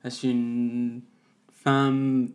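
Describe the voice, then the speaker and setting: A woman, a musician answering interview questions in a halting way, searching for her words. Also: extremely low pitch, level tone, a little mellow. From Mexico. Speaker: guest, musician.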